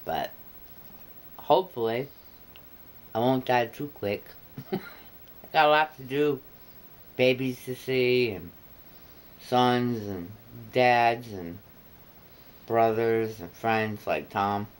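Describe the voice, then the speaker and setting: Slow, raspy middle-aged woman with smoker's voice. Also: rumbling low. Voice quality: smoker's rasp. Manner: slow, plain-spoken, joking. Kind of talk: casual personal talk to camera. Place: indoors on a living-room couch.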